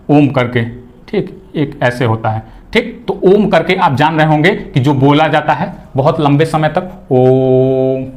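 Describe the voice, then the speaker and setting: A male teacher giving an exam-prep grammar lecture, repeating key words, asking questions he answers himself and drawing vowel sounds out long to demonstrate them. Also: on the high side.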